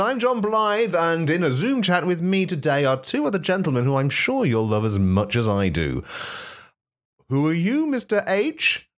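A male podcast host apologising to listeners in a wry, mock-aggrieved way, his voice muffled and underwater-sounding from low-quality audio. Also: no room sound, studio quality.

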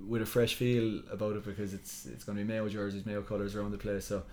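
A man's voice: fairly low pitch, steady tone, quick pace, dark tone. A man speaking casually as a goalkeeper guest in a sports podcast interview.

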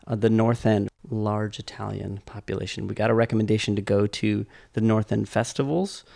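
A man's voice: on the low side, steady tone, fairly quick, creaky, a little mellow, dry recording. A man co-hosting a casual podcast, dry and leading the talk. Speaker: podcast co-host. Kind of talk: casual chat.

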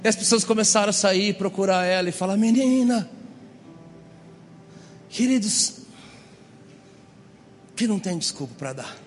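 A Brazilian man preaching a lively, humorous sermon, acting out the voices in his stories. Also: high voice, a little slow, pauses often, in a large hall, faint music behind. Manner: animated, acts out quoted voices. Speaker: pastor. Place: church hall.

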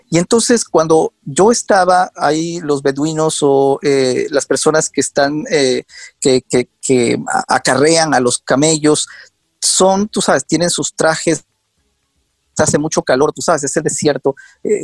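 A documentary show maker, a man with a fairly high voice, sits as a guest in an interview and tells earnest stories conversationally. He hesitates and restarts often, and there's no echo.

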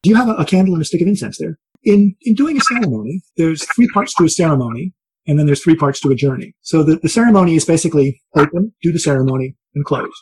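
A man with a slightly husky voice teaches shamanic ceremony as a guided meditation, in slow, repetitive, soothing phrasing. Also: on the high side, lively intonation, darkish tone, rough recording. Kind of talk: guided meditation and spoken ritual instruction.

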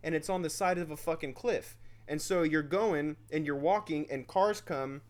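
A man's voice: fairly high pitch, moderate pace, darkish tone. Profane young guy telling a story. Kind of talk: casual chat.

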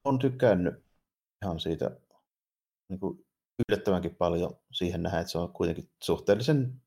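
Low gravelly guy on a podcast, kinda hesitant, lots of fillers. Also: animated, dark tone. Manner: hesitant, restarts often, many fillers. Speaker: podcast co-host. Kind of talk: casual chat about games and anime.

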